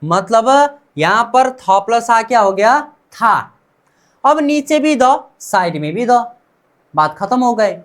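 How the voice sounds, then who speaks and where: A man's voice: very high voice, lively intonation, takes it slowly, a bit bright. A man teaching Korean pronunciation in a classroom-style lesson, asking "what?" and answering himself and repeating each sound several times.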